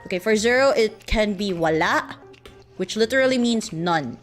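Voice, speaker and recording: A woman's voice: medium pitch, lively intonation, moderate pace, soft background music. A young woman with a Filipino accent, casually teaching a language lesson on a livestream, giggling and rambling with lots of fillers. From Philippines.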